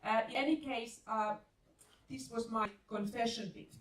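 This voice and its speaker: A woman media scholar giving measured remarks on an academic panel, soft-spoken and pausing with frequent fillers. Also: a little high. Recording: echoey room from far off, faint hiss.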